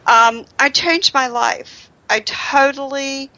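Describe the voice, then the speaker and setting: A woman's voice: sits high, takes it slowly, sharp tone, dry recording, rough recording. A middle-aged woman hosting a radio show, talking conversationally in an earnest, explanatory way. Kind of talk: conversational monologue introducing a show.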